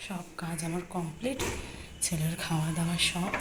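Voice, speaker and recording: A woman's voice: fairly low pitch, normal speed. A woman, chatting casually as she walks viewers through her household chores in a home vlog. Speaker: home vlogger. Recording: phone recording with noticeable background noise.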